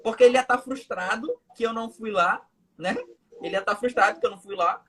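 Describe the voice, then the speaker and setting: A man's voice: sits high, brisk, fairly bright tone. A young man with a Manaus Brazilian accent, a hypnotherapist guest telling everyday stories to explain his point in a casual live chat over a video call. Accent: Manaus Brazilian Portuguese. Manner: storytelling with everyday examples.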